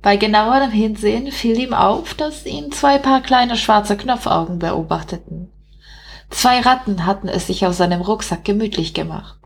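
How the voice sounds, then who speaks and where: Woman calmly reading a novel aloud. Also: mid-range voice, normal speed, gravelly. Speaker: audiobook reader.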